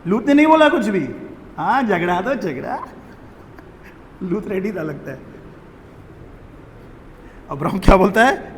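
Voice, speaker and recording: A man preaching a sermon to a congregation, animated and calling for responses. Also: sits high, unhurried, long pauses, slight background noise. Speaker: pastor. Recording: echoey hall with long reverb.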